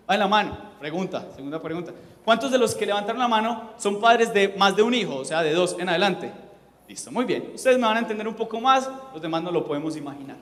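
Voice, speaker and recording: A man, preaching a sermon in a conversational, joking way and asking the congregation questions. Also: high voice. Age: 30s. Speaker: pastor. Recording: echoey hall.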